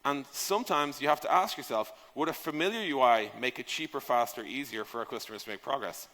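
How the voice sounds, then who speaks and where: A medium-pitched male speaker talks fairly quickly, his tone fairly bright, in an informal conference talk about software product design. Standing on stage in a large hall, he's emphatic and conversational, asking rhetorical questions and swearing casually. The recording has an echoey, long-reverb sound.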